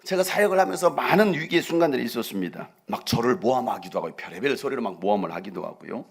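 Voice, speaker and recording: A middle-aged man, a pastor, preaching a passionate sermon that swings from hushed storytelling to shouting climaxes. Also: mid-range voice, expressive, fast talker, gravelly, husky.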